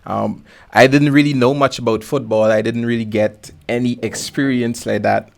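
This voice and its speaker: This Guyanese man hosts a podcast, chatting in a relaxed, easygoing way packed with informal slang, like a casual interview. His voice is medium in pitch and creaky, with a steady tone and a moderate pace.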